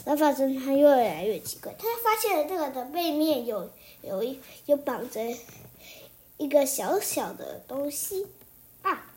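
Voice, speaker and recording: A woman's voice: high-pitched, very animated, a little slow, a little mellow. A young child, likely a girl, narrating an improvised story in a rambling way, restarting sentences and repeating phrases in a singsong. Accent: Taiwanese Mandarin.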